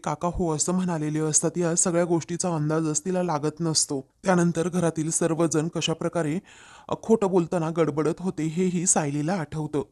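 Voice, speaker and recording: A man recaps a TV serial episode as a story. His voice sits somewhat high, and he keeps a steady, plain retelling pace. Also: normal speed.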